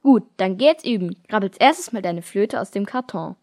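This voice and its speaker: A woman's voice: medium pitch, lively intonation, normal speed, warm tone, dry recording, clean studio sound, natural voice. A woman voicing a fussy, bossy mother who keeps her daughter busy in a read-aloud children's story. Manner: bossy, overly caring.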